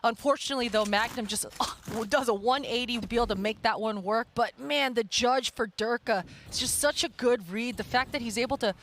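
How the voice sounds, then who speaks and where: A man's voice: very high-pitched, fairly quick, hardly any pauses, fairly bright tone, a little hiss or hum. A man giving live esports colour commentary and analysis, enthusiastic and emphatic, drawing out key words.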